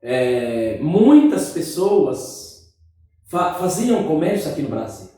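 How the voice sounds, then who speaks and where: A man with an Angolan Portuguese accent and a high, lively voice with a mellow tone. He speaks hesitantly as a pastor being interviewed, often restarting and repeating words. The recording is very echoey, with the mic far off. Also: slow. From Democratic Republic of the Congo. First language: Lingala. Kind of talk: casual interview answers.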